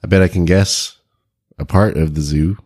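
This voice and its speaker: A man co-hosting an animal podcast, hoarse and froggy from a cold, laid-back and quick to laugh. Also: steady tone, a little mellow, dry recording, clean studio sound. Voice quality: froggy, rumbling low voice. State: sick and hoarse. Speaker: podcast co-host. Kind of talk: casual podcast chat.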